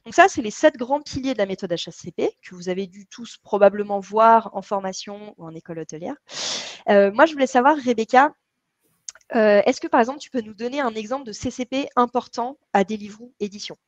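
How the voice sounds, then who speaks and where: A woman's voice: on the high side, lively intonation, a little fast, lo-fi sound. A woman, co-founder of a company, leading an online training session in a chatty, explanatory way with frequent hesitations.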